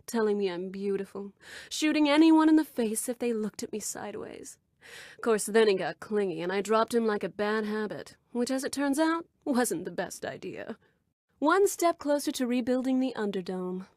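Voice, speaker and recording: A woman's voice: medium pitch, a little mellow, no room sound, clean studio sound, lightly acted. A woman doing a sultry, teasing bar owner. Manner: sultry, suggestive purr. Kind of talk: video game character dialogue.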